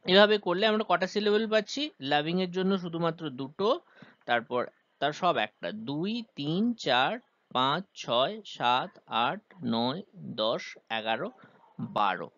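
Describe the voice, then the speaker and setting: A man's voice: fairly high pitch, expressive, takes it slowly, a bit bright, dry recording, muffled recording. A man teaching a poem's rhyme scheme and meter, explaining step by step with frequent "ah" hesitations. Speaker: literature teacher.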